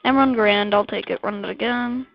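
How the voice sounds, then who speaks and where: A woman giving casual gameplay commentary, rambling and excitable, blurting out weapon names as she plays. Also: mid-range voice, moderate pace, creaky, no room sound. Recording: dull lo-fi dry mic.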